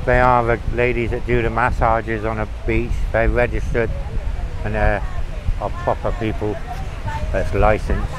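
A man giving a relaxed, chatty running commentary while he walks outdoors along a beach promenade, filming his own travel vlog. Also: fairly low pitch, a little slow. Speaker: travel vlogger. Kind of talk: walk-and-talk travel vlog. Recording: wind and outdoor noise on the mic. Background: sea, wind and passing traffic.

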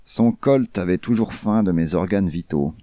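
A man reading a first-person crime novel aloud in a measured, deadpan way. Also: low voice, dry recording. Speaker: audiobook reader.

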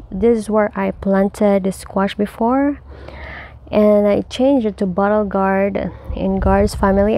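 Filming her backyard garden on a handheld phone, a woman who gardens at home gives viewers a cheerful, chatty tour. Her voice is medium-pitched, gravelly and dark.

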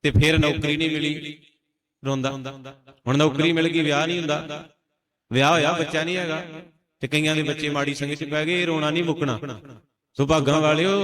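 A man's voice: a little high, fairly bright tone. A male Sikh preacher telling a sermon story to a congregation, calling out responses and breaking into chanted verses. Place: congregation gathering.

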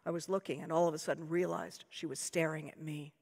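American woman, author, reading her fiction aloud, deadpan, measured, lecture-hall reverb. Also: low voice, vocal fry. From United States.

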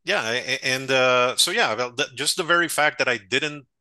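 A man's voice: medium pitch, moderate pace, dry recording. Costa Rican man telling stories on a video call. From Costa Rica. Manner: warm storytelling, self-amused, gestures while talking. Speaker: guest writer. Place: home room, video call. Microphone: headset.

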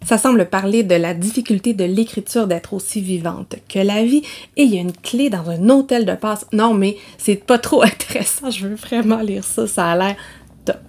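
A woman's voice: medium pitch, normal speed, a little mellow, slight background noise. A woman with a Québécois accent, chatting casually about new novels as a book vlogger, self-mocking and laughing often. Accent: Québécois French. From Quebec.

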